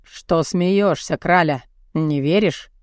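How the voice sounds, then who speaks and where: A woman's voice: low voice, slow, darkish tone, no echo, studio quality, voice pushed down. A woman voicing a crude, cocky young muscleman who taunts and speaks bluntly in an audiobook. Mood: mocking. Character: crude cocky muscular young man, mocking and pushy. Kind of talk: audiobook character voice.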